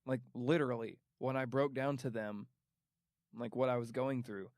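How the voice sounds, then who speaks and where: A young man co-hosting a podcast in casual chat, telling animated stories and quoting people in put-on voices. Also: mid-range voice, moderate pace, dry recording, clean studio sound. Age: young adult. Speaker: podcast co-host.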